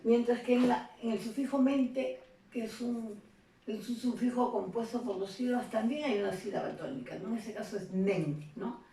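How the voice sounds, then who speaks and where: A woman teaches a lesson, explaining patiently and checking in with her listeners as she goes. Her voice is gravelly and mellow. It sounds off-mic in an echoey room with faint background noise. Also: on the high side, moderate pace, distant mic. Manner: explanatory, checks in with frequent tag questions. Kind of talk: recorded classroom lesson.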